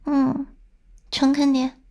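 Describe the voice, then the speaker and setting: A high-pitched, slightly gravelly young older sister, voiced by a woman, in a whispered role-play. She is stern and doting, scolding close to the ear and then coaxing softly. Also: completely flat delivery, takes it slowly, exaggerated voice. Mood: soothing.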